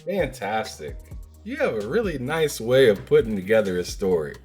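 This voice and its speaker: A man's voice: medium pitch, sing-song, normal speed, darkish tone, husky, soft background music. Man hosting an upbeat interview. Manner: enthusiastic, encouraging interviewer. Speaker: podcast host. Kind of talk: casual interview.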